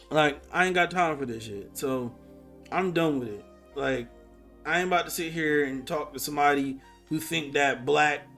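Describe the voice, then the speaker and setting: A man in his twenties hosts an online live voice chat, his voice on the high side and a bit bright. He argues casually and confrontationally, loaded with slang and swearing.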